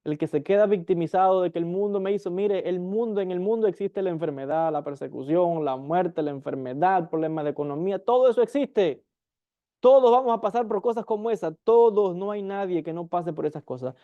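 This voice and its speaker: A man's voice: brisk, dark tone, smooth, no room sound, muffled recording. A man giving a spoken religious lesson on Kabbalah, full of rhetorical questions and mocking impressions of complainers. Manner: mimics whiny complainers in a higher voice; rhetorical questions, repeated phrases. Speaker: Kabbalah teacher.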